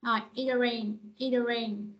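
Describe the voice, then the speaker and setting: A woman's voice: on the high side, flat delivery, takes it slowly, lo-fi sound. Woman teaching pronunciation. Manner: repeats phrases, calls on students by name. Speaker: English teacher. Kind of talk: online pronunciation class.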